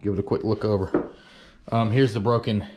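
Low-voiced man, plainspoken shop vlogger, thinks aloud and curses a bit; faint background noise. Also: fairly even intonation, fairly quick. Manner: plainspoken, thinks aloud with fillers and mild cursing. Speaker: woodworker filming his shop. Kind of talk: casual workshop vlog narration. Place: woodworking shop.

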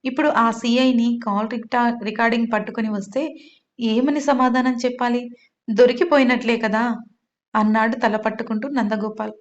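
A woman's voice: on the high side, fairly even intonation, moderate pace. Woman reading a story, slightly lo-fi. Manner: reads every character's lines herself, little change of voice. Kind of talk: narrated audio story reading. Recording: slightly dull, lo-fi sound.

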